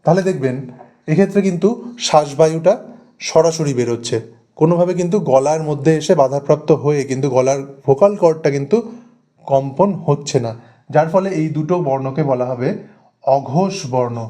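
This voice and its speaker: A man with a fairly high, warm and mellow voice teaches a grammar class. He works at a board, drills the terms by repeating them and stresses each key word. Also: brisk. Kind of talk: Bengali grammar lesson at a board.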